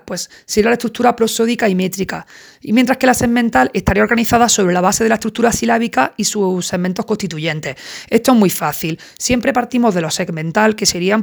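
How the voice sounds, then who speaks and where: A woman from talks through a university lesson in a relaxed, conversational way. She keeps checking in with her listeners through little questioning asides. Her mid-pitched voice carries a gravelly edge of fry. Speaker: university tutor. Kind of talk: casual recorded lecture.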